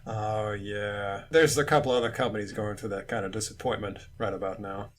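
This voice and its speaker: A man co-hosting a podcast, chiming in with short quick reactions and questions. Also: on the low side, steady tone. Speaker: podcast co-host. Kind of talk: casual chat.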